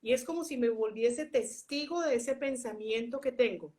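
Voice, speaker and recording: Woman guest on a live chat, slightly high voice, relaxed and friendly. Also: moderate pace. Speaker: guest speaker.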